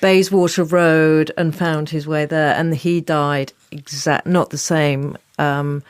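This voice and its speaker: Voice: medium pitch, little pitch movement, slow pace, clear, resonant tone, no room sound, studio quality. A podcast host, talking in a chatty, emotional way and restarting phrases. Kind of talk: chatty interview.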